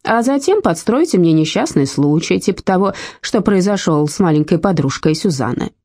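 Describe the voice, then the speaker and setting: Woman reading rude 86-year-old woman, blunt, cutting, dark husky tone, dry sound. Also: on the low side, sing-song, normal speed, dry recording.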